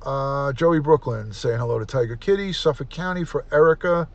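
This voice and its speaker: A man's voice: mid-range voice, normal speed, gravelly, muffled recording. A man, hosting a live stream and chatting casually as he reads out viewer names and thanks them. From United States. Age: 50s.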